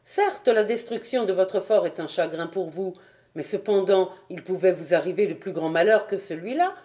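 A sensible noblewoman reasons firmly with her son-in-law, as a woman reads her aloud. The voice stays mellow and measured, a plain audiobook reading. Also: on the low side, close to an everyday voice. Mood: reproving.

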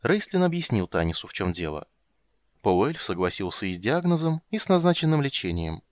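A man narrating an audiobook with expressive storytelling. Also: on the low side, a little fast, no room sound, clean studio sound.

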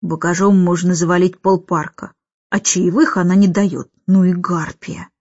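A woman reading an audiobook, voicing a rude, sarcastic male taxi driver who mutters in a lower voice. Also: completely flat delivery, slow, darkish tone, no echo, muffled recording.

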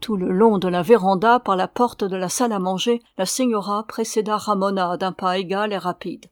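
A woman narrating a classic novel aloud in a measured, even reading voice. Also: medium pitch, no room sound, studio quality. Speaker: audiobook reader.

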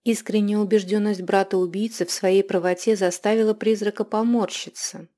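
A woman narrating a dark fantasy audiobook in a measured, even reading. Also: medium pitch. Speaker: audiobook reader. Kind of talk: scripted narration.

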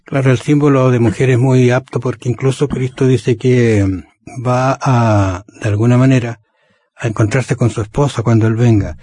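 Mellow-voiced male religious radio host. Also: mid-range voice, fairly even intonation, moderate pace, dry recording, studio quality. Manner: conversational, asks rhetorical tag questions. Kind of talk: casual religious conversation.

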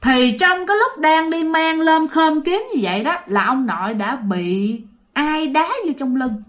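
A woman's voice: high-pitched, unhurried. A woman telling a ghost story, repeating phrases and speaking directly to her listeners. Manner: lively, repetitive telling, addresses listeners directly.

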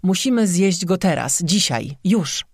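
The audiobook narrator voicing a tired, short-tempered peasant husband who speaks in curt, gruff bursts, recorded dry and close. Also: medium pitch, lively intonation, unhurried, no echo. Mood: firm.

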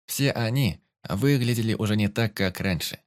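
A man narrating an audiobook in first person, calm and matter-of-fact. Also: on the low side, normal speed.

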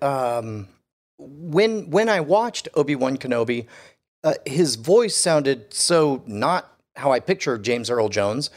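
A middle-aged man co-hosting a podcast, chatting casually and musing with frequent restarts. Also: medium pitch. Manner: halting, restarts often, musing. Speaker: podcast co-host. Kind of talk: casual chat.

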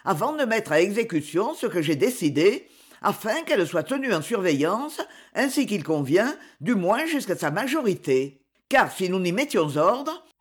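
A woman reads the lines of a cold, proud nobleman in a novel audiobook. The delivery is clipped and icy, full of contempt, with a voice that still moves a lot in pitch. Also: husky. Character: cold, haughty older aristocratic father.

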